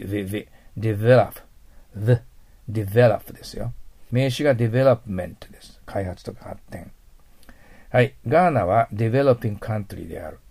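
A man's voice: lowish voice, vocal fry, a little mellow, husky. A middle-aged man teaching an English vocabulary lesson, patient and explanatory, often trailing into a near whisper at the ends of phrases.

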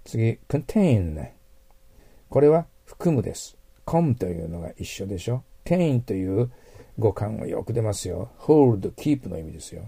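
Man, vocabulary lesson, patient repetitive lecturing, low gravelly voice, dry sound. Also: very animated, normal speed, dark tone, dry recording. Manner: patient, repeats words, checks in with "ne" and "hai". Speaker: English vocabulary teacher. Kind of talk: lecture explaining word roots.

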